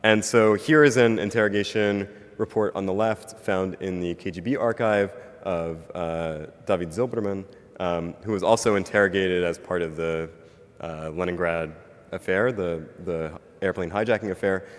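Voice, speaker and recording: A man's voice: low-pitched, steady tone, moderate pace. A man giving an academic conference presentation, hedging often with fillers like "um" and "kind of". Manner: hedging, filler-heavy delivery. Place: university lecture hall. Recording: lecture hall reverb.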